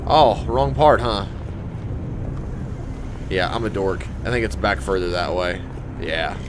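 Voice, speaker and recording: A man's voice: deep voice, takes it slowly, noisy background. A man giving casual, geeky, enthusiastic commentary while playing through a video game. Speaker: gamer commentator. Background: loud game music and vehicle sounds.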